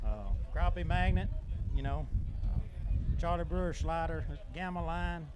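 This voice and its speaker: A man's voice: a little high, a little slow. A man, a tournament angler, giving rambling, friendly thanks on stage. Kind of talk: onstage thank-yous. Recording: noisy outdoor mic.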